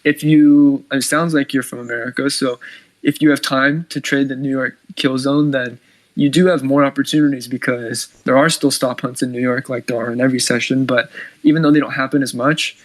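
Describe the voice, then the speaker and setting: A man talks through trading advice in a relaxed, rambling way, stringing thoughts together with fillers. His voice sits in an ordinary middle range. The sound is dry and close, with little room behind it. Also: medium pitch, a little fast, dry recording, poor audio. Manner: conversational, lots of "like" and "you know". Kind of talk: casual trading advice chat.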